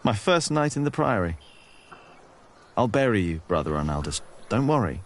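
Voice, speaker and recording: A man's voice: fairly low pitch, big pitch swings, moderate pace, a little hiss or hum. An actor playing a friendly, easygoing young male apprentice, in video game voice acting.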